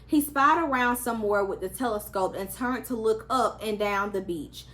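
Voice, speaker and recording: A woman's voice: on the high side, moderate pace, a bit bright. A woman reading a children's story aloud as a storyteller, acting out the characters' lines expressively.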